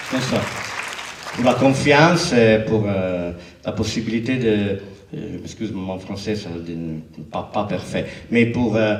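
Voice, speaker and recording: Halting Italian-accented man in an echoey hall. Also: fairly low pitch. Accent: Italian, foreign accent in French. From Italy, Naples area. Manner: halting, searching for words in French. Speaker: guest curator of a film retrospective. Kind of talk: public speech introducing a film programme. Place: cinema auditorium before an audience. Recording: echoey hall, distant microphone.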